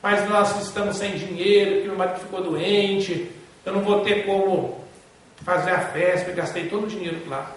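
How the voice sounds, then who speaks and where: A high, anxious woman's voice put on by a man pours out her worries in a pleading rush. It sounds from far off in a very echoey hall. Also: steady tone, lightly acted. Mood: distressed. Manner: pleading, rushed complaint. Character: anxious woman, mother of a bride.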